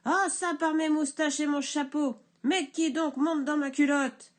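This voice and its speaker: A woman voicing a big blustering male woodcutter in a storybook reading, shouting in indignant outbursts. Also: high voice, normal speed, natural voice. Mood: outraged.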